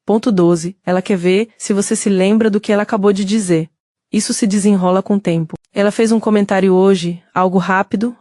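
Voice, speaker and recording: A woman with a Brazilian Portuguese accent giving steady scripted narration that speaks directly to the listener. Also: mid-range voice, no echo, clean studio sound.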